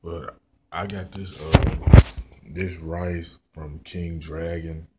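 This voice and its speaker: Eating as he talks, this thirty-something food vlogger with a Memphis Southern accent rambles and goes over the same points again. Born in Memphis and raised in Mississippi, he speaks slowly in a low, level voice. Heavy background noise surrounds the indoor recording, made on a phone camera at arm's length.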